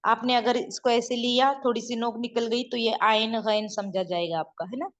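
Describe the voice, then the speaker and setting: A woman's voice: a little high, fairly even intonation, normal speed. A woman teaching letter writing online, explaining patiently as she draws and often checking that her students follow. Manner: patient, repeats and checks understanding. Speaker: online Urdu script teacher. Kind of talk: explaining while drawing letters on a board. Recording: dull lo-fi sound.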